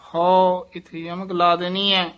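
A man teaching scripture recitation. He chants each verse slowly and deliberately, then explains in plain speech where to pause. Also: fairly high pitch, sharp tone. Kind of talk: recitation lesson.

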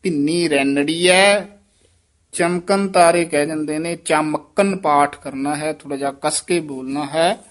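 A man teaching scripture recitation, who demonstrates each phrase slowly and then explains how to pronounce it. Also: a little high. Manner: slow, deliberate, demonstrates words then explains. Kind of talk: correcting pronunciation of recitation.

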